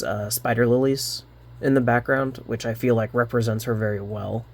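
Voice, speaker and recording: A man rambling through a card unboxing, halting often with fillers and restarts, a little winded. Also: mid-range voice, a little mellow, a little hiss or hum. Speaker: card unboxing channel host. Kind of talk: casual unboxing commentary.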